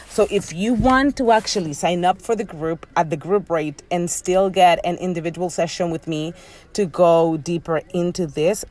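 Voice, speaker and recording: A woman's voice: on the low side, a little mellow. A woman with a Dominican accent speaking as a podcast host and business coach, in a candid, conversational motivational monologue addressed straight to listeners. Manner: conversational, direct address, with frequent y'all.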